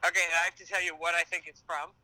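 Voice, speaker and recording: A man's voice: high voice, level tone, rapid-fire, bright, forceful tone, no room sound, rough recording. A young man called in over a phone on speaker, chatting casually with dry jokes and frequent laughs. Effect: heard through a phone on speaker. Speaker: host's younger brother, guest caller. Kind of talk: casual chat.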